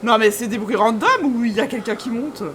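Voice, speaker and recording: A woman's voice: on the high side, a little fast, noisy background. A woman streaming a horror game live, chatting informally and jokingly to viewers with scared, easily startled reactions.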